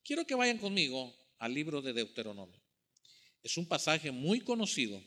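A man's voice: a little high, sing-song, normal speed, pushed and bright. A man preaching a sermon to his congregation, telling a story and acting out the voices of people in it. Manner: storytelling, addresses congregation as brothers, acts out quoted voices. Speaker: pastor.

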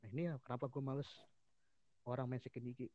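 A man tells a personal story in loose, slangy podcast chat, stumbling and restarting as he acts out what others said. His voice sits at an everyday middle pitch. The recording is dull and lo-fi. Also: fairly even intonation, quick pace. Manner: slangy Jakarta street talk, many restarts. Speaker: podcast guest telling a story. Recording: dull lo-fi sound.

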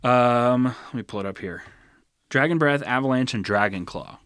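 A man's voice: medium pitch, moderate pace, smooth, no room sound. Man, casual gaming podcast chat, rambling and easygoing, dry close sound. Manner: relaxed, rambling, laughs often. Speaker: podcast co-host.

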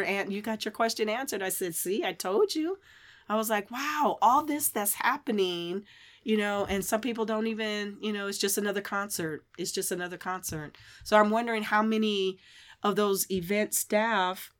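A woman co-hosting a faith podcast, chatting casually and telling an animated story. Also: mid-range voice. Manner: animated storyteller, bursts into loud laughter. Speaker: podcast co-host. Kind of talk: casual chat. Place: live-streamed podcast session.

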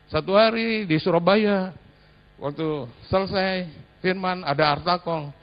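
Man, pastor, high-pitched voice, animated sermon, soft asides then loud calls. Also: muffled recording. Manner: laughs while telling anecdotes.

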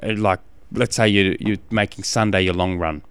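A man with an Australian accent giving casual coaching advice as a podcast host, halting and often repeating phrases as he explains. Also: on the low side, fairly even intonation, fairly bright tone, smooth, no room sound.

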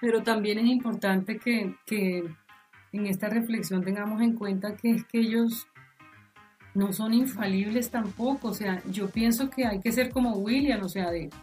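A woman's voice: medium pitch, normal speed, a little mellow, recorded from a distance, soft background music. A middle-aged woman, a podcast guest speaking earnestly and stumbling over words. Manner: earnest, repeats words while searching for them. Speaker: guest, host's mother. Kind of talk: casual podcast chat.

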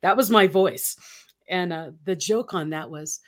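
A woman's voice: lowish voice, unhurried. A woman in her fifties hosting a talk show, upbeat and laughing often as she chats. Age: 50s. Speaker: host. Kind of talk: casual talk show chat.

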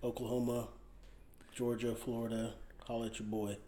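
A man's voice: medium pitch, flat delivery, normal speed, mellow. A young man co-hosting a podcast in laid-back, joking casual chat. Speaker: podcast co-host. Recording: echoey room.

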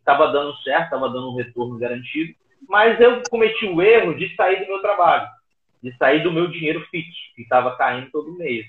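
A man telling his story as an interview guest, heard over an internet call line, halting and often repeating words. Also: fairly high pitch. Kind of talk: casual personal story. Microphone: remote call device. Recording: tinny echoey call audio.

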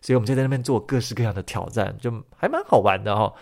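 Male podcast host, slightly low and gravelly, chatty storyteller. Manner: chatty, ends phrases with drawn-out particles.

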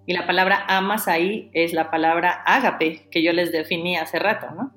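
A woman preaching a sermon, animated, acting out the dialogue in a lowered voice. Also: normal speed, roomy sound, soft background music.

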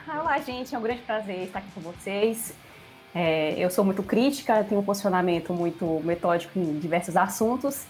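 Advogada brasileira falando com calma. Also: female voice, medium pitch, a little fast, faint music behind. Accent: Brazilian. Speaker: lawyer, new co-host. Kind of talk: casual podcast chat.

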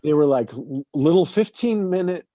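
A man's voice: on the high side, expressive, moderate pace, dark tone, dry recording, studio quality. A middle-aged man co-hosting a podcast, talking in a loose, profane, rambling way. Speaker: podcast co-host. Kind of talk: casual chat.

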